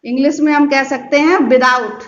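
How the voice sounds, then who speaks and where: A woman teacher giving a reading lesson, speaking slowly and patiently, repeating words syllable by syllable. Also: high-pitched, fairly even intonation. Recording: dull, echoey room.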